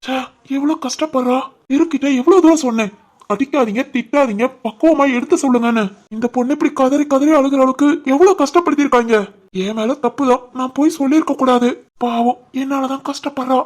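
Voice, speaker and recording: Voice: high voice, brisk, a little mellow. A voice artist playing a remorseful young man muttering to himself in a cartoon. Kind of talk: cartoon voice acting.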